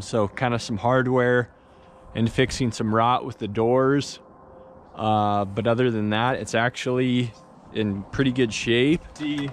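There's a little hiss or hum behind this medium-pitched man, a carpenter and channel host casually explaining a barn repair on his vlog. He stays relaxed and explanatory with many "uh" and "kinda" fillers, at an outdoor farmyard barn and inside a large workshop.

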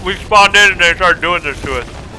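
A young man streaming a pirate game with friends, frantic, yelling and swearing constantly. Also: sits high, moderate pace, background noise. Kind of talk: excited gaming commentary.

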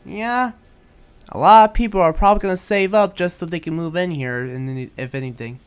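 Over background music, a man plays a friendly, awkward young demon slayer in an improvised Minecraft anime roleplay. He speaks a little fast in a natural, high-pitched voice with a clear, resonant tone, hesitating and rambling casually.

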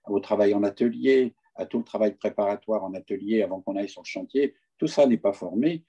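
A man's voice: lowish voice, dark tone, breathy edge, highs cut off. A man speaking at an online conference, telling his view in an indignant, hesitant way with frequent fillers. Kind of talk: lecture over video call. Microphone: video call.

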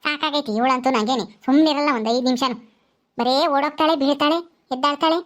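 A woman's voice: high voice, quick pace, fairly bright tone. An older woman, talking casually in a home vlog, soothing and scolding a crying grandchild. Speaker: grandmother comforting a child.

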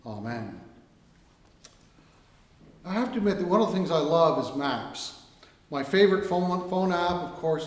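A middle-aged man speaking as a priest, leading liturgy and preaching. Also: on the high side. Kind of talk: liturgy and sermon. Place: church chancel, standing, indoors. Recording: echoey church interior.

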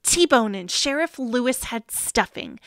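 A woman reading a children's picture book aloud to young listeners, with expressive, playful storytelling. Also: on the high side, slow, no echo, studio quality. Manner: gently addresses young listeners. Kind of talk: children's read-aloud narration.

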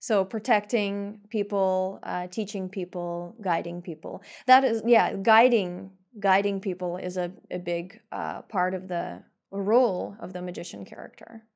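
A woman's voice: medium pitch, fairly even intonation, unhurried, gravelly, few pauses, a little mellow. A woman co-hosting a casual podcast conversation, easygoing, with light laughs and fillers. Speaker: podcast co-host.

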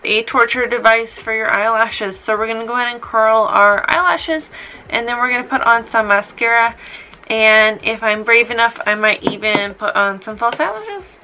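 A woman in her twenties, a makeup vlogger, gives a casual tutorial in a small room, sounding tipsy, rambly, blunt and sweary. Her voice sits a little high, sharp in tone, at an ordinary pace. Faint music plays behind, and the recording is low quality.

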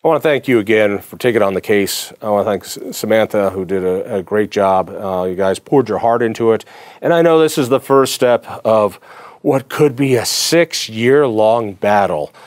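A man's voice: on the low side, normal speed, no room sound. A man hosting an interview, talking earnestly and personally, often restarting his sentences. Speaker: interview host. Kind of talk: interview conversation.

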